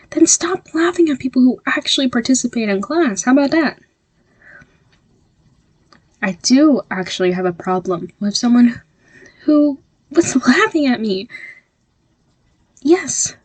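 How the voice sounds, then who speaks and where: A woman's voice: on the high side, a little mellow, breathy edge, dry recording. A young woman voicing an abrasive female college classmate in an audio role-play, blunt and swearing as she confronts someone.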